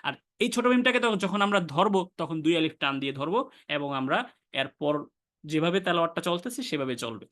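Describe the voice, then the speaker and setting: A man teaching Quran recitation in an online class, explaining rules step by step, asking and answering his own questions, and chanting the Arabic examples slowly. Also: on the high side, animated, a bit bright. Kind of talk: online tajweed lesson.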